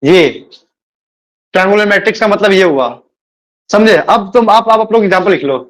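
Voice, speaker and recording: High-voiced man teaching math to students. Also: lively intonation, fairly bright tone. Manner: repeats words, addresses students as beta; admits speaking fast. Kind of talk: live online class lecture.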